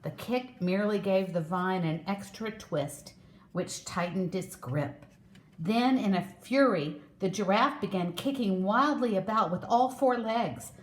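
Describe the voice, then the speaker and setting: A woman storyteller reads a children's story aloud, slow and expressive. Her voice sits in the middle and carries an echo from a roomy space. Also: mid-range voice. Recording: echoey room.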